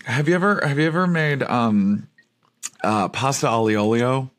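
A man's voice: medium pitch, lively intonation, moderate pace. Campy, playful man chatting casually. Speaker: podcast co-host. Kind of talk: casual chat.

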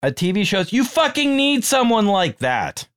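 A man co-hosting a podcast in casual chat, telling profane, animated stories and mimicking people. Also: high voice, moderate pace, clean tone. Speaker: podcast co-host.

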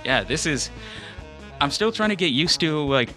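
A man hosting a radio show in natural, unscripted talk, casual and halting as he feels his way along. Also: fairly high pitch, lively intonation, pushed and bright. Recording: music playing under the voice. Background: background music.

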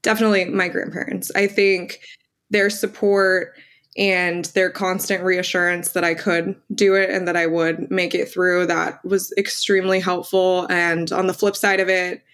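As a young lawyer being interviewed, this woman in her twenties, whose first language is Armenian, replies with earnest candor and a fair number of fillers. Her lowish voice holds a level tone at a moderate pace, sounding fairly bright and smooth.

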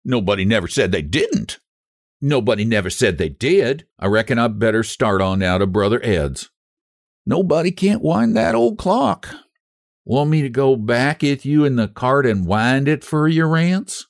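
A man voicing a shy, stubborn young mountain wife who speaks in a plain hill-country drawl, proud and quietly pleading, in a storybook reading. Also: mid-range voice, expressive, a little slow, gravelly, no echo, clean studio sound, voice pushed up.

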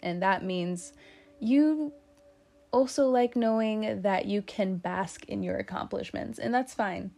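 A woman's voice: mid-range voice, slow pace, vocal fry, mellow. A woman giving a casual tarot reading, chatty and teasing, with lots of fillers. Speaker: tarot reader.

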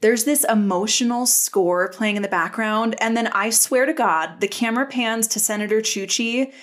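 A woman's voice: on the high side, normal speed. Enthusiastic woman gushing over a show. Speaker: podcast co-host. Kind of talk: casual recap chat.

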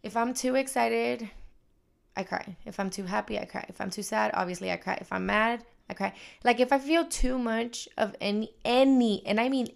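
A woman's voice: a little high, moderate pace, vocal fry. A woman co-hosting a podcast, telling a personal story candidly in casual chat. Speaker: podcast co-host.

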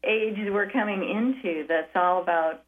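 A woman caller comes through on a radio show over a narrow, tinny phone line. Her voice sits at an ordinary middle pitch. She talks in a soft, thoughtful way with a touch of wryness. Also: a little slow. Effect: caller heard over a phone line.

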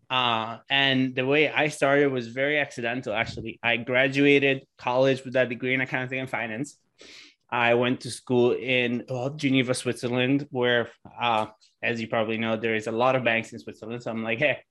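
A man's voice: mid-range voice, fairly bright tone. A man in his thirties from Sardinia, Italy, chatting as a guest on a podcast, talking loosely with frequent restarts and fillers. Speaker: podcast guest, real estate entrepreneur. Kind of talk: casual interview chat.

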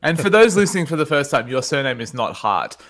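A man's voice: medium pitch, very animated, quick pace, fairly bright tone. A man chatting casually as a guest on a podcast.

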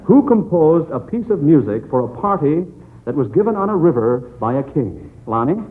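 A sing-song male voice, on the high side and at a moderate pace, comes through a noisy, tinny old radio recording. He is the substitute host of a 1940s quiz show, bantering with children in a chummy, folksy style.

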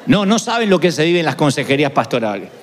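A man's voice: a little high, very animated, fast talker, a little hiss or hum. A male pastor preaching a sermon, acting out the words of the people he quotes. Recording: echoey hall with long reverb.

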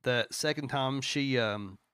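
A man's voice: mid-range voice, slow pace, a bit bright, clean tone, dry recording, studio quality. A man co-hosting a podcast, chatting eagerly about music with lots of fillers and restarts. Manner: enthusiastic, rambling with fillers. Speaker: podcast co-host. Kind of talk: casual music chat.

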